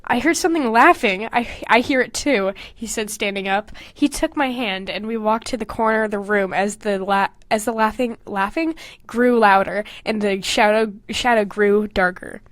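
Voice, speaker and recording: A woman podcast host reads her own fanfiction aloud, breaking off for candid, self-mocking, casual asides with plenty of swearing. Her voice is medium-pitched at normal speed, with no room sound.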